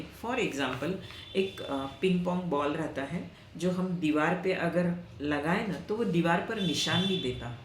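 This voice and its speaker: A woman giving a scripture lesson in an unhurried, measured voice that sits a little low. She draws out the verses as slow chants, then slips into plain conversational explanation. The room rings with echo, and a faint hum of ambient noise sits underneath. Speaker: Gita teacher. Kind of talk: slow explanatory teaching talk.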